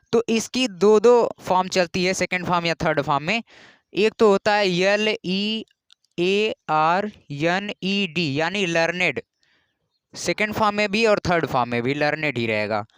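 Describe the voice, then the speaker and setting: A man from India teaching English grammar in a patient classroom style, repeating key rules and spelling words out slowly. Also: high-pitched, a bit bright, clear, resonant tone, no room sound.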